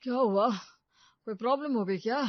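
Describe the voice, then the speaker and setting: A woman's voice: a little high, a little fast, no room sound, close to an everyday voice. A woman voicing a flustered middle-aged father-in-law in a cartoon story, anxious and exasperated. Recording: dull dry recording.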